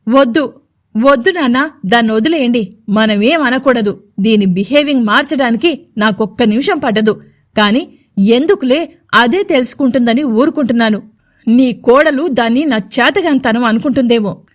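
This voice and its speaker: A stern middle-aged father in a storybook audio drama speaks with firm resolve, played by a woman narrator. The voice stays fairly high for a man. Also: moderate pace, lightly acted. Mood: stern anger. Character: indignant middle-aged son, protective father.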